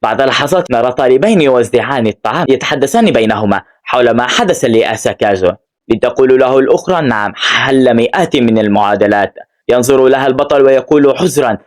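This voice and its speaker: A man narrating an anime plot recap in a brisk, scripted storytelling read, voicing the characters' quoted lines in his own voice. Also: medium pitch, darkish tone.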